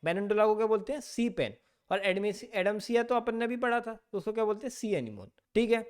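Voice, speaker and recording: A male biology teacher giving an exam-prep lecture, asking questions and answering them himself, reading textbook lines slowly and then explaining quickly and playfully. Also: high-pitched, expressive, clean tone. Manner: asks questions and answers them himself, mixing Hindi with English terms.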